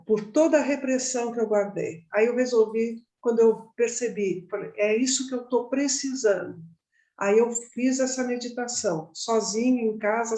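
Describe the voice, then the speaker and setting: A woman leads a meditation class, her voice sitting a little high for a woman. She talks in a loose, chatty way and keeps checking in with her listeners. The room around her sounds roomy and echoey. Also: darkish tone. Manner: conversational, frequent tag questions. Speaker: meditation teacher. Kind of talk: informal class talk. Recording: roomy echo.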